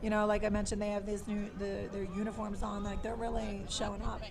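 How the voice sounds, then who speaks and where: A woman's voice: medium pitch, completely flat delivery, fairly quick, gravelly, darkish tone. A woman co-commentating on a lacrosse match, bubbly and playful in a casual live style. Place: outdoors at a sports field.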